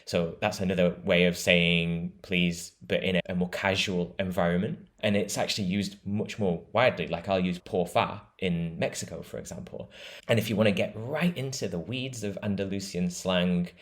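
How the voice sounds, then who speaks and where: A British travel writer is interviewed in a conversational setting, explaining things enthusiastically and laughing easily. He has a deep, fairly bright voice and speaks at a moderate pace.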